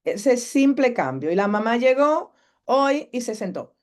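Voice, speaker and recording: Lively woman psychologist teaching a class. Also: a little high, a little slow. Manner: asks the audience questions and acts out family members' lines. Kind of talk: live masterclass talk.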